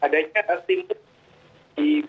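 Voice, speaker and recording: A man with a breathy, higher-than-average voice speaks at normal speed as a market analyst on a remote video call. He talks hesitantly with many filler sounds, while the tinny, phone-like line is choppy and keeps breaking up.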